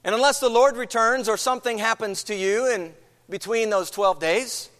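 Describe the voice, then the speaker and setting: A man's voice: very high voice, a bit bright. A male pastor delivering a conversational sermon in a church sanctuary, opening with prayer and putting questions to the congregation. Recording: long reverb in a large hall.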